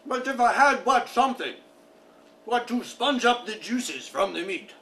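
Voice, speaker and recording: A man's voice: extremely high pitch, lively intonation, a little slow, fairly bright tone, full character voice. A man playing a pompous, overheated aristocrat in a period comedy sketch, with florid, hesitant speech. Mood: flustered, apologetic. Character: pompous, overheated, meat-eating English aristocrat card player. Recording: distant, noisy amateur recording.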